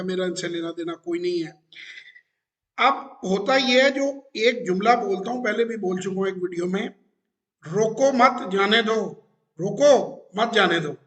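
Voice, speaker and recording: A man hosting an interview about investing, talking casually and explaining points with lively repetition. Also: high voice. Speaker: stock market educator host.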